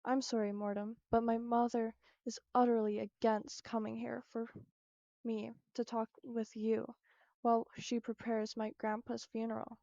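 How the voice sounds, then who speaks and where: A woman's voice: on the high side, flat delivery, unhurried, warm tone, no echo, lo-fi sound. A woman playing a prim, formal little girl. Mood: hushed. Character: prim polite eleven-year-old girl at her grandpa's funeral.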